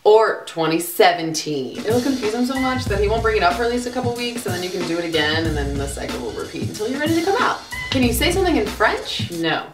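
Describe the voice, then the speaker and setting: A woman's voice: mid-range voice, big pitch swings, fast talker, recorded from a distance, over music. Female vlogger, blunt and sassy, with a voice that swings up and down a lot. She sits back from the mic in an echoey room. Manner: sarcastic and blunt, swears freely. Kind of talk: casual Q&A vlog.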